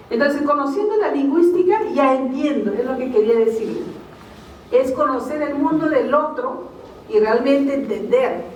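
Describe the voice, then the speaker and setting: A woman's voice: high-pitched, slight background noise. A woman gives a linguistics lecture at a university fair, explaining with frequent tag questions. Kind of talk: public talk at a vocational fair. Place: large hall at a university fair. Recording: very echoey hall, speaker far from mic.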